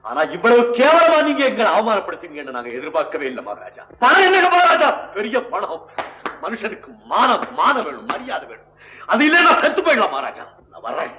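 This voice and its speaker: An actor playing a proud, jealous young musician in a 1960s film, angry and proud. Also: male voice, high-pitched, huge pitch swings, brisk, bright, forceful tone, reverberant, a little hiss or hum, heavily acted, poor audio. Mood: wounded pride. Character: proud young male nadaswaram player, jealous.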